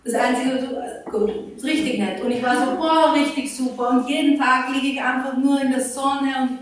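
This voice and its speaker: A woman pastor preaches by telling a chatty personal story and acting out her own thoughts and replies. Her voice sits fairly high. She is heard from some way off the mic, in a hall with heavy echo. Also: steady tone, normal speed. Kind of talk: sermon told as a personal story. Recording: roomy hall, voice from a distance.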